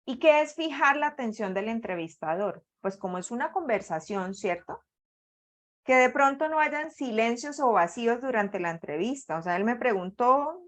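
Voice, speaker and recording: A Colombian woman with a Colombian accent leading an online workshop on job interviews, speaking with lively, deliberately varied intonation. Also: medium pitch. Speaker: workshop facilitator.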